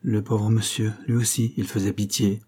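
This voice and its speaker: A man's voice: on the low side, little pitch movement, moderate pace, darkish tone, breathy edge. A man doing a gossipy, gullible concierge woman. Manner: gossipy, effusive.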